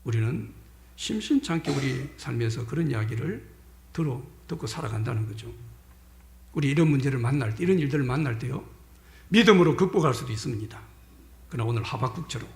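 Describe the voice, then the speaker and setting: Man, pastor, sermon, lively pitch swings, loud stresses and whispered asides, rhetorical questions, echoey church hall. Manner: emphatic preaching that swings between loud stresses and hushed whispers; addresses the congregation directly with rhetorical questions. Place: church sanctuary during a Sunday service.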